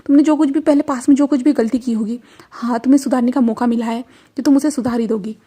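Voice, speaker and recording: A woman's voice: fairly high pitch, steady tone, quick pace, dark tone, lightly acted. A woman voicing an anxious, caring young man who talks in an earnest, reassuring way.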